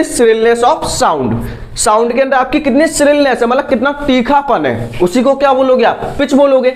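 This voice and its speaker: A man teaching a science lesson, constantly asking his students questions and answering them himself. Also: extremely high pitch. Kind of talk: classroom lecture.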